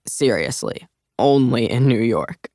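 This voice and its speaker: A man's voice: medium pitch, expressive, slow pace, darkish tone, no echo, clean studio sound. A man voicing a laid-back teenage boy with a wry, amused way of talking in an audiobook. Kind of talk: audiobook character voice.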